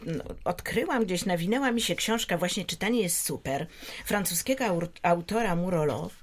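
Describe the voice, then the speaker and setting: A woman's voice: fairly low pitch, lively intonation, normal speed. A woman talks at length about a children's book in a studio. She gropes for words, with frequent filler sounds and restarts as she explains. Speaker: guest recommending a children's book.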